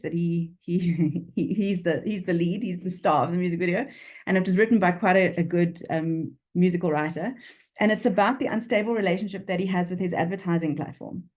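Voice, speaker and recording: A freelance copywriter in her forties, with a Durban South African accent, chats frankly as a guest in a casual video-call interview. Her voice is fairly low-pitched and darkish, and she often restarts her sentences.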